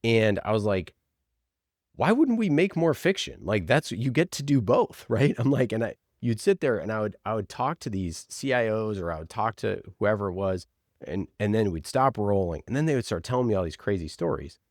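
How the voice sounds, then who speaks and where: With a fairly low pitch and lively intonation, a man talks at a moderate pace in a studio-quality recording with no room sound. As an interviewed podcast producer, he relates stories in a relaxed, enthusiastic style full of "like."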